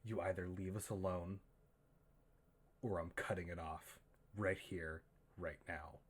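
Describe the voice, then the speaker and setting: A man's voice: low voice, very slow, breathy edge, heavily acted. A man voicing a frantic, drugged woman with a knife, screaming and then hissing through gritted teeth. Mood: threatening.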